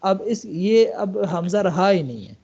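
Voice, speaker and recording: A man from Pakistan teaching an online Arabic lesson, explaining step by step and reading English lines aloud slowly, checking often that the student follows. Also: sits high, very animated, creaky, warm tone, husky, highs cut off. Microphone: online call.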